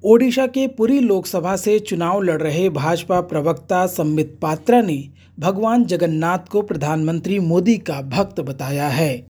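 A news anchor reads the bulletin in a steady, formal way. The voice is warm and mellow with a slightly husky edge. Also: medium pitch. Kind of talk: scripted news narration.

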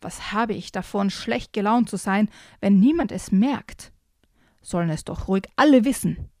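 Grumpy male badger, rude and snappish, slow, mellow tone, read by a woman. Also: medium pitch, lively intonation, no echo, clean studio sound, natural voice. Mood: grumbling.

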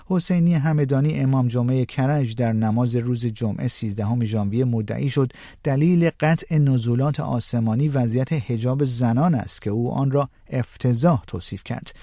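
A man reading the news as an anchor, in a measured, even newsreader delivery. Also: mid-range voice, no room sound, clean studio sound.

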